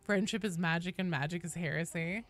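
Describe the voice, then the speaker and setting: A woman with a lowish, brisk voice hosts a casual live game stream. She chats playfully with viewers, trades teasing jokes, and bursts into sudden exclamations.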